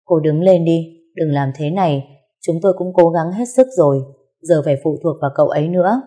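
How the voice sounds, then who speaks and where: A woman voicing a middle-aged male doctor who speaks in a measured, matter-of-fact way in a storybook reading. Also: deep voice, mellow, muffled recording. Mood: calm.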